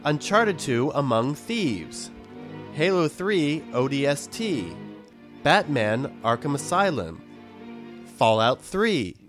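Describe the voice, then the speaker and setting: A man putting on a flat computer voice, reading out a list in a slow, even, measured way. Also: fairly high pitch, music in the background. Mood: deadpan. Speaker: podcast co-host.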